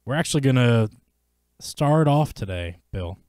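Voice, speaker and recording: Man, podcast host, laid-back, deadpan, animated pitch, dry close sound. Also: a little slow, no room sound. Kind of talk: casual crude banter.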